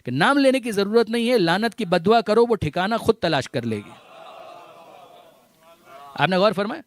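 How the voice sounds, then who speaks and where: A male cleric lectures in a raised, fairly high voice, drilling each point through repetition. He recites Arabic verses and addresses the listeners as dear brothers. The recording is dry and close. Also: animated, no echo. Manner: repeats phrases for emphasis, recites Arabic verses; mixes English words into speech. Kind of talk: religious lecture.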